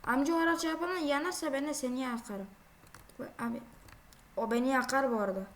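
A high-pitched woman chats her way through a driving game. She talks casually and exclaims a lot, scolding the drivers who block her way. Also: fast, slight background noise. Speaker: gaming video creator. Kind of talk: casual gameplay commentary.

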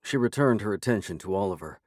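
A man's voice: fairly low pitch, expressive, fast talker, darkish tone, dry recording. A man narrating a fantasy audiobook in the first person, in a dry, wry storytelling manner.

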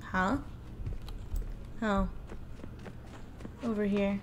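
A woman's voice: mid-range voice, little pitch movement, extremely slow, a little hiss or hum. A woman hosting a let's play, giving casual, joking gameplay commentary and swearing freely.

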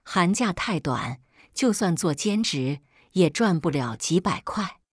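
A woman's voice: lowish voice, animated, measured pace, no echo, clean studio sound. A woman voicing a harsh, angry middle-aged father who talks coldly and cuttingly. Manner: cold, cutting.

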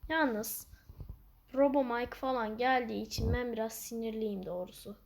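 A woman giving playful, excitable gameplay commentary as she plays, breaking into loud outbursts. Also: fairly high pitch, moderate pace, vocal fry, slight background noise. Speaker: gaming channel host.

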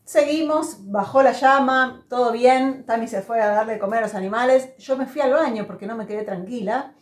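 A woman's voice: a little high, fairly quick. Chatty woman podcast host. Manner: chatty, earnest storyteller. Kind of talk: casual podcast chat. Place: room at home. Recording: echoey room at home.

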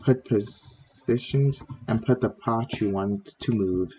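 A man's voice: fairly low pitch, slow pace, dark tone. Man with a sore throat teaching. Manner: chatty, step-by-step, with frequent "like" fillers. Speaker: tutorial host. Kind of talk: casual screen-recorded coding tutorial.

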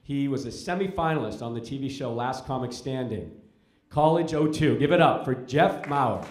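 A man's voice: medium pitch, animated, normal speed, a faint crowd. A middle-aged man giving a live stage introduction into a handheld microphone. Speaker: announcer introducing the host. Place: indoor theater stage. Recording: echoey theater sound.

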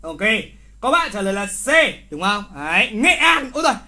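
Man, literature teacher, bright tense voice, teasing, repeats key words, exclaims at mistakes. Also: sits high, fairly quick. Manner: lively, teasing, scolds wrong answers with exclamations. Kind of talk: live online exam review.

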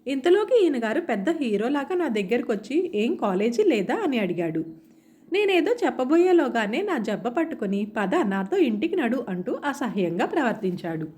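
A woman's voice: on the high side, sing-song, normal speed, a little mellow. A woman voicing a sulky, dramatic young college girl in a storybook reading, whiny and tearful. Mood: complaining.

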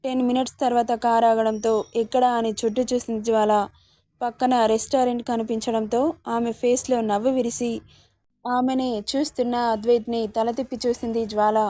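A woman narrating a serialized romance story in a steady, even reading voice. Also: on the high side, brisk, no room sound, clean studio sound.

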